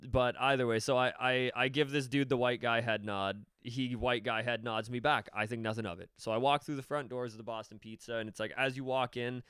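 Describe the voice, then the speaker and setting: Smooth-voiced young man telling a story. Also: mid-range voice, a little fast, hardly any pauses, no echo, clean studio sound. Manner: animated, profane, acts out quotes. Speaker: podcast co-host. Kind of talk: casual storytelling chat.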